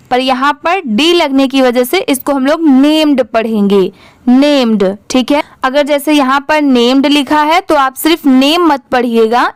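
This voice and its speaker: Woman teacher, unhurried, spells words letter by letter, repeats them, dry close sound. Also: sits high, clean tone, no echo. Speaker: English reading teacher. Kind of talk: slow spelling-out lesson in Hindi.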